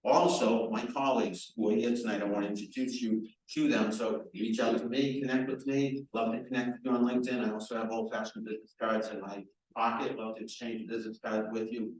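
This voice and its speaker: The association's chapter president, a man with a deep, carrying voice, opens a live event with loud, chatty welcoming remarks. His tone stays level, he moves fairly quickly with hardly any pauses, and without a microphone he's recorded from an echoey nonprofit-center event room.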